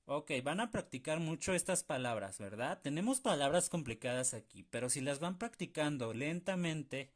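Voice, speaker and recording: A man teaching pronunciation for a song in a slow, patient video lesson. He drills syllables one at a time and keeps checking in with his learners. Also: a little high, expressive.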